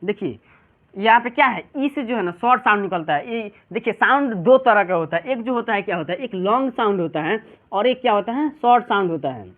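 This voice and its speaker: A man's voice: high-pitched, lively intonation, fairly quick. A male teacher with a Bihari Hindi accent giving a classroom pronunciation lesson, who keeps asking his students questions and answering them himself. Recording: tinny phone-like sound.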